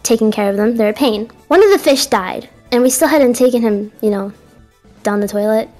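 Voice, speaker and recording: A woman's voice: fairly high pitch, lively intonation, a little fast, a little mellow, faint music behind. A young adult woman with a very youthful, girlish voice and a cute anime-streamer manner, casually telling confessional stories. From Colombia and the United States. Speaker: confession guest caller.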